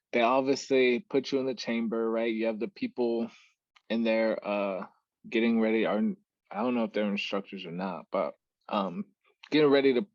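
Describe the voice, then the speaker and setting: A man's voice: on the low side, dry recording, highs cut off. A young man hosting a podcast, telling stories in casual chat and acting out what others said. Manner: animated storyteller who acts out quoted shouts and laughs mid-story. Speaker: podcast host.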